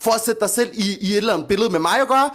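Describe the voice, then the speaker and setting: A man's voice: high-pitched, fairly bright tone. A man arguing on a livestream, confrontational and sassy, dropping slang-heavy English phrases into his talk. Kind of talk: heated livestream argument.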